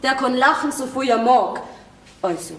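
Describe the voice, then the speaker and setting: A young actress with a Bavarian accent, playing a cheeky, headstrong young bride-to-be. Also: female voice, sits high, moderate pace, fairly bright tone, far from the mic. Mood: mocking. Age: young adult. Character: spirited, stubborn young bride-to-be. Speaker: stage actress. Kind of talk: folk theater comedy acting. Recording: echoey stage sound, off-mic.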